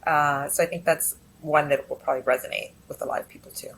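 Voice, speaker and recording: On a low-quality recording, a Texan business editor raised speaking Spanish at home reflects as an interview guest. She talks fast in a low, creaky, somewhat bright voice with a steady tone, often using fillers and restarting sentences in the conversational exchange.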